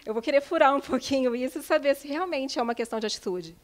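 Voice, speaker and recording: A woman's voice: high-pitched, fast talker. A young Brazilian woman hosting a TV interview with an upbeat presenter delivery, holding a handheld mic in an office. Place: office with bookshelves, indoors.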